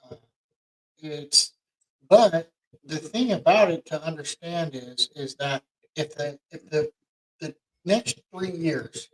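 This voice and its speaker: Middle-aged male podcast co-host, somewhat high voice, casual and halting. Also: rough recording. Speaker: podcast co-host, mortgage lender.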